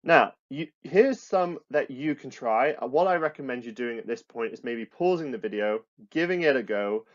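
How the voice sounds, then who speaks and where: A man's voice: medium pitch, expressive, moderate pace, hardly any pauses, dull audio. British man teaching a lesson. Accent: British English. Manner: explanatory, repeats phrases, frequent restarts and fillers. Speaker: computer science teacher. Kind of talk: recorded classroom lesson with slides.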